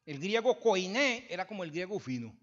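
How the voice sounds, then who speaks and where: A high-voiced man delivers a sermon in a church. He moves from loud, emphatic declarations to soft, chatty asides, repeating words as he goes and checking in with the listeners. The recording sounds dull and lo-fi. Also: very animated, moderate pace. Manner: swings from loud emphatic preaching to quiet conversational asides; repeats and restarts phrases, asks the congregation "verdad?". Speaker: pastor.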